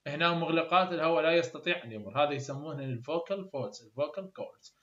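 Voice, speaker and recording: A man's voice: on the high side, animated, very fast, fairly bright tone. Iraqi man teaching in echoey room. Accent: Iraqi Arabic. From Iraq. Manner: explains step by step, repeats terms for learners. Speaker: English phonetics tutor. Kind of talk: recorded online lecture. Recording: echoey room, dull lo-fi sound.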